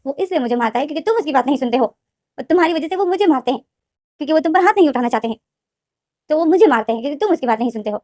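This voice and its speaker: A woman's voice: high voice, expressive, racing, a little mellow, no echo, voice pushed up. A woman voicing a confused young man who speaks in blunt, plain statements, in a storybook retelling. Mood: earnest.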